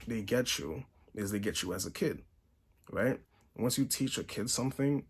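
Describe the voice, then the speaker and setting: In a casual vlog monologue recorded in Buffalo, New York, a young Haitian man in his twenties speaks earnestly to his camera as channel host, tagging lines with "right?" and often starting over mid-sentence. His voice is lowish, darkish and slightly rough.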